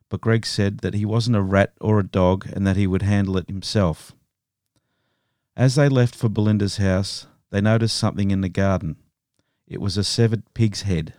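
A man hosting a podcast, narrating a true crime story in a steady, measured way. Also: lowish voice, dry recording, clean studio sound. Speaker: podcast host.

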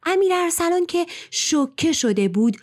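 A woman narrates an old folk tale in a dramatic storytelling manner. Her pitch swings animatedly, and she sometimes drops into a hushed whisper for effect. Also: big pitch swings.

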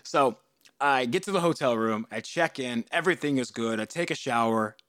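A man in his thirties hosting a podcast, telling a story in a casual, animated way and jumping into loud, high voices for the people he quotes. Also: moderate pace, dry recording, studio quality. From United States. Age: 30s. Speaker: podcast host.

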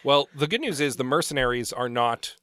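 Man, mid-pitched, scratchy and wheezy from a cold, casual podcast co-host, book recap chat. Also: lively intonation, fairly quick, fairly bright tone, clear, resonant tone, no echo, studio quality. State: getting over a cold.

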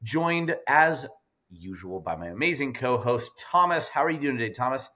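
A man's voice: medium pitch, lively intonation, normal speed, sharp tone, a little hiss or hum. A man hosting a podcast, enthusiastic and jokey, talking over a remote call. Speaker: podcast host. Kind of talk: energetic podcast intro and interview. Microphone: remote call recording.

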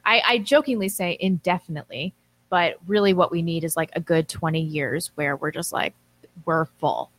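A woman's voice: fairly low pitch, normal speed, fairly bright tone. A woman co-hosting a casual talk show, reading out listener messages and commenting in a blunt, informal way.

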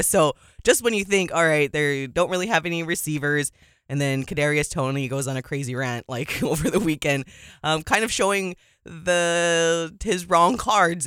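A woman's voice: dry recording, clean studio sound. Chatty woman co-hosting a sports show. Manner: chatty, laughs often, animated swings in pitch. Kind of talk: casual sports talk.

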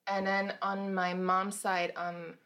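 A woman's voice: mid-range voice, flat delivery, takes it slowly, a bit bright. A woman in her thirties from Germany, a guest author casually telling stories about her life and laughing between anecdotes. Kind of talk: casual storytelling.

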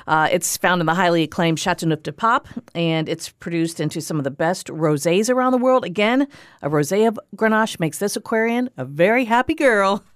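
A woman's voice: lowish voice, a little fast, no room sound, clean studio sound. A woman co-hosting a casual wine podcast, speaking in an enthusiastic, conversational way. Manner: enthusiastic, warm-hearted, conversational. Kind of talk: casual chat.

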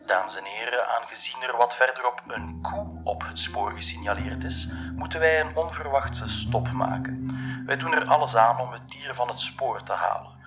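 A man voicing a polite train conductor making a formal announcement, quietly, through a dull, muffled sound. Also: medium pitch, normal speed, music in the background, lightly acted.

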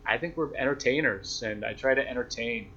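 A man's voice: mid-range voice, brisk, bright, forceful tone. A young man answering interview questions in a reflective, self-deprecating, conversational way, as a sports broadcaster. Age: young adult. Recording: dull lo-fi sound, noisy background.

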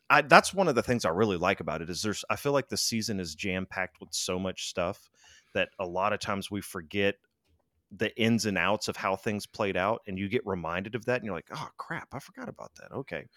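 An American man with a low voice chats on a podcast in an animated, emphatic way. The recording is dry and close to the mic. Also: no echo. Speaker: podcast co-host. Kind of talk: casual chat.

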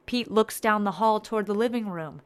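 A woman's voice: medium pitch, fairly quick, smooth. A woman narrating, reading screenplay stage directions.

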